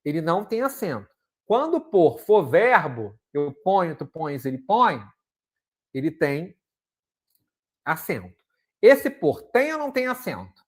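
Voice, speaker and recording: A man's voice: a little high, very animated, a little slow, long pauses. Didactic teacher quizzing his class. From Brazil. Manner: didactic, checks in with frequent "ok?" and rhetorical questions. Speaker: Portuguese teacher. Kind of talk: exam-prep lesson.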